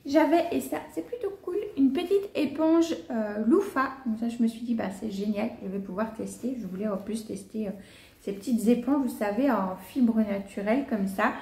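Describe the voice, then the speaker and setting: A young Belgian woman talks her way through an unboxing at home, hesitant and chatty with plenty of fillers. Her fairly high voice has a gravelly, creaky edge. The room is echoey, with a faint hiss behind her. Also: moderate pace, dark tone. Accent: Belgian French. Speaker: vlogger. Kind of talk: casual unboxing chat.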